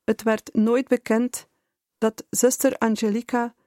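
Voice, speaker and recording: A woman reading a memoir aloud in a measured, deliberate way. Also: a little high, little pitch movement, warm tone, dry recording, studio quality. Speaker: reader.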